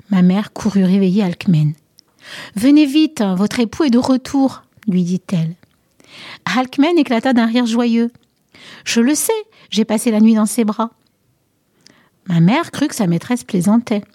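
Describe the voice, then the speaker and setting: Woman storyteller for a myth tale, soft half-whispered reading, mellow breathy voice, dry close recording. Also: mid-range voice, dry recording. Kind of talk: scripted narration of a children's myth story.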